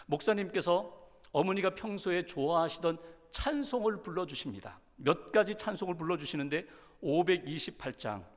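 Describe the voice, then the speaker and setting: A man preaching a Sunday sermon in a large church sanctuary. His voice sits high and moves a lot, rising and falling with emphasis. A long church-hall reverb trails each phrase. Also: expressive, normal speed. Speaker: pastor.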